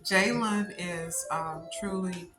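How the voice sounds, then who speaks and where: A woman's voice: on the low side, slow pace. A middle-aged woman chatting with her family, telling stories about her son with many fillers. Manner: warm storytelling with fillers. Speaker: mother being celebrated. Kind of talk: casual family chat. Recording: roomy echo, music behind.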